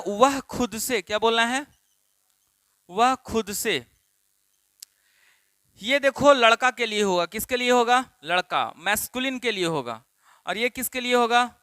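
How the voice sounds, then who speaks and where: A man's voice: very high-pitched, pushed and bright, clear, resonant tone, dry recording. A man from Bihar with a Bihari Hindi accent, teaching a spoken English class and asking the students the same questions again and again. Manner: repetitive questioning, drills students. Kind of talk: classroom lesson.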